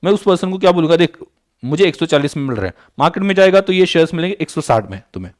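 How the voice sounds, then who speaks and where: In a clean studio recording with no echo, a man with a fairly high, expressive voice lectures on accounting for an online class, blending English terms into his explanation. He repeats key points, keeps checking whether students follow with "बराबर?" and "clear?", and slows down when dictating journal entries.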